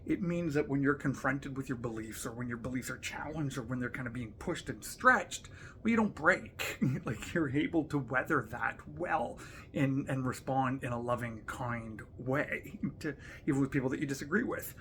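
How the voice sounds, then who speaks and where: A man's voice: mid-range voice, normal speed, fairly bright tone, a little hiss or hum. A man talking in an earnest, conversational vlog, reading verses aloud with emphasis and often asking "right?". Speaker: leader sharing personal reflections. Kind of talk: casual reflective vlog talk with scripture reading.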